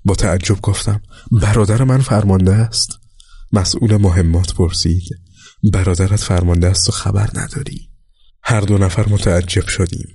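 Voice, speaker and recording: Male audiobook narrator, mellow and husky, calm measured memoir reading. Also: low voice, no echo, clean studio sound. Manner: calm, measured storytelling, voicing quoted dialogue lightly.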